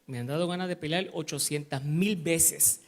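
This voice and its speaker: Middle-aged Puerto Rican pastor with a high voice, preaching with personal stories, swinging from hushed to loud. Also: male voice, moderate pace. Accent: Puerto Rican Spanish. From Puerto Rico. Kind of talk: sermon.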